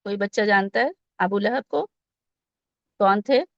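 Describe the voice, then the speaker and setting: A woman's voice: medium pitch, dry recording. Patient woman teaching children to recite. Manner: patient step-by-step explaining, asking the children questions; mixes English words into her teaching. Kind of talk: tajweed lesson with slow recitation. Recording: dull, lo-fi and dry.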